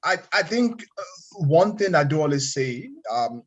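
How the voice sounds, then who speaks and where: A man with a fairly high-pitched voice takes questions as a webinar speaker. His style is casual and a little hesitant. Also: sing-song, unhurried, muffled recording.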